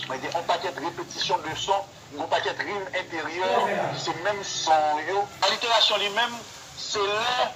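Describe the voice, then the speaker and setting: Haitian guy explaining rhymes n puns on a live, high voice, lots of yo, noisy audio. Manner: explains with examples, frequent fillers like yo and moi. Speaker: rap lyric teacher. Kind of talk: live-streamed lesson on rap wordplay.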